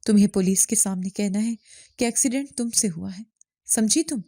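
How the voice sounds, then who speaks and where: A woman voicing a scheming, threatening rich woman who bullies and bribes in a calm, dark voice. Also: mid-range voice, dry recording, natural voice. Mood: scornful. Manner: threatening, coaxing.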